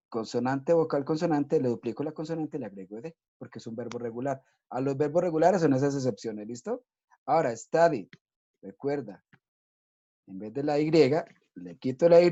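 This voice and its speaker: A man's voice: medium pitch, warm tone. A man teaching children English, patiently explaining step by step and often checking in with "¿listo?". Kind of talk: recorded online class for children. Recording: dull lo-fi recording.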